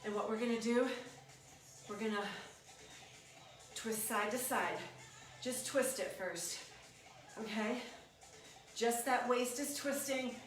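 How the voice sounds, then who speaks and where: Female aerobics instructor, slightly high voice, unhurried encouraging workout cues; distant mic in a very reverberant room. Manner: encouraging, coaching in short cues. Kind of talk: instructional workout cueing with counts. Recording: echoey room, distant mic, music behind. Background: workout music.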